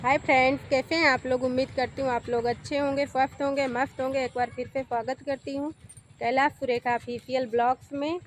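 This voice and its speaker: Middle-aged woman doing a home vlog, kinda high pitched, a bit of background noise, talks friendly to viewers. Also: flat delivery, a little fast. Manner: chatty, addresses viewers as friends. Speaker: vlogger. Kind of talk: casual home vlog narration. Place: outdoors then home kitchen.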